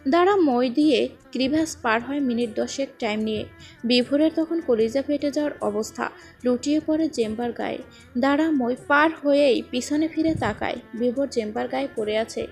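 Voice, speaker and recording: A woman narrating an emotional serialized story in a steady, dramatic reading voice. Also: high voice, moderate pace, vocal fry. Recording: faint background music.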